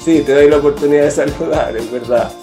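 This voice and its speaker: A man hosting a radio interview, asking questions in a brisk, friendly way. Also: on the high side, warm tone. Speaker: radio host. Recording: roomy studio echo, faint music behind.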